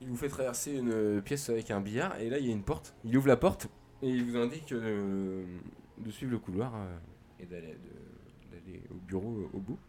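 A man narrating as game master in an easygoing, halting way, laughing often. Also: on the low side, darkish tone, a little hiss or hum.

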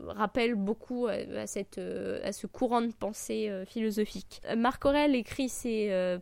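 A woman hosting an informal book podcast, sick, with a slightly broken, gravelly voice and a hesitant, self-deprecating way of talking. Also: on the high side, a little mellow, no room sound. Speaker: podcast host. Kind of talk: informal book review podcast, unscripted talk.

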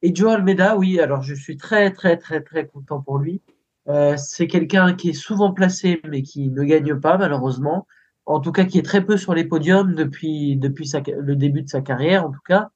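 A male pundit giving halting cycling analysis over a remote connection. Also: a little high, darkish tone, husky. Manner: halting, searching for words. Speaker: co-host pundit. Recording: dull remote line.

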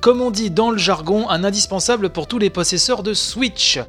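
Faint music plays behind a married adult man hosting a casual video game press review. His voice sits high with a fairly bright tone at a moderate pace, and he stays chatty and opinionated, full of asides and fillers.

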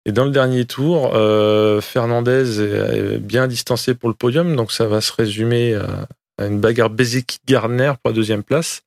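Gravelly man doing casual motorsport commentary. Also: medium pitch, fairly even intonation, moderate pace, dry recording. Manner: colloquial, joking, slangy. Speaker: motorsport podcast host recapping a race.

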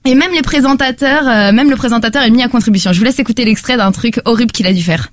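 In a dry, clean studio recording, a woman with a slightly high voice talks quickly while sharing her podcast recommendation in a relaxed French conversation. Animated and talkative, she peppers her speech with fillers.

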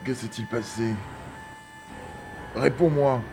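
A man's voice: mid-range voice, steady tone, takes it slowly, music in the background. A man playing a stammering, panicked chancellor. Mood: stunned. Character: aging chancellor, terrified and pleading.

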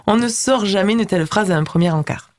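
A woman columnist on a radio show, recapping a TV series with lively quips. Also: medium pitch, quick pace.

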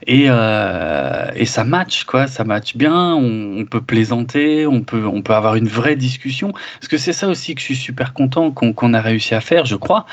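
A man co-hosting a podcast in casual chat, enthusiastic but halting, full of fillers. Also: medium pitch, lively intonation. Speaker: podcast co-host. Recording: dull lo-fi sound.

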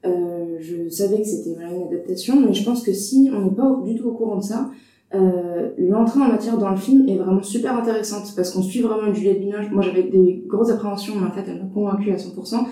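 A woman's voice: mid-range voice, a little fast, warm tone, heavy reverb, far from the mic, poor audio. A woman reviewing films in a casual panel discussion, hesitant with many fillers. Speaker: film critic panelist.

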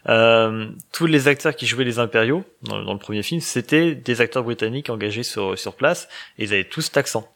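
A man with a gravelly, creaky voice talks in a casual podcast chat. He hesitates a lot, fills gaps with pauses and restarts his thoughts. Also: mid-range voice, fairly bright tone. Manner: hesitant, many fillers and restarts.

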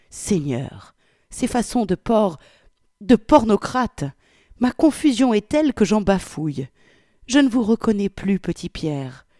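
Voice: mid-range voice, warm tone, dry recording, clean studio sound, close to an everyday voice. A reader voicing a prudish, pious widowed wartime godmother, reading her ornate, old-fashioned letter with swells of indignation.

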